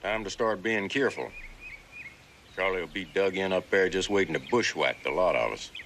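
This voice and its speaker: An actor playing a hard-nosed bounty hunter with a blunt, clipped, cold delivery in a 1960s TV western. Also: male voice, sits low, expressive, moderate pace, slight background noise. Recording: TV soundtrack with loud score.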